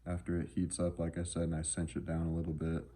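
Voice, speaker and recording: This car vlogger talks through his truck mods off the cuff, in a laid-back and offhand handheld video. His low, mellow voice stays completely flat as he speaks quickly.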